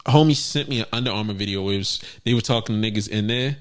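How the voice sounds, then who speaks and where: A young man co-hosting a podcast, chatting casually with animated, profane storytelling. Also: very fast. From United States. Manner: animated, profane, bursts into high exclamations. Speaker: podcast co-host. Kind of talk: casual chat.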